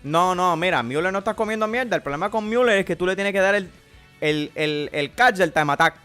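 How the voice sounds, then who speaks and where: A joking, slangy Miami guy with a thick Cuban Spanish accent, as a streamer puts him on, crude and casual as he walks through his cards. The voice sits fairly high for a man. Faint guitar music plays behind. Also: expressive, brisk, sharp tone, clear, resonant tone. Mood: playful. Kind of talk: casual game commentary.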